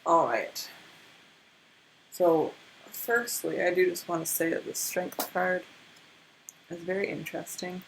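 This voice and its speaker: A woman's voice: lowish voice, flat delivery, slow, creaky, pauses often, slight background noise, low-quality recording. Tired young woman with a stutter. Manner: stutters, with many restarts. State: tired from little sleep, yawning. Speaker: tarot reader. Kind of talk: casual tarot card reading.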